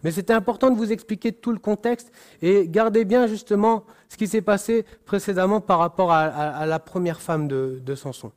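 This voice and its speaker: A man preaching, reading a Bible passage slowly and deliberately, stumbling and correcting himself now and then. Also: high-pitched. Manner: slow, deliberate reading with frequent restarts and apologies.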